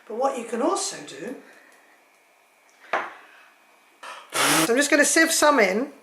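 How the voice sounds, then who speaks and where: Brief: woman home cook, higher register, talks nonstop with jokey asides, recorded in an echoey kitchen with clattering pots and cutlery. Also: very animated, slow pace, background noise. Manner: chatty, rambling, jokey asides. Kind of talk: cooking demonstration.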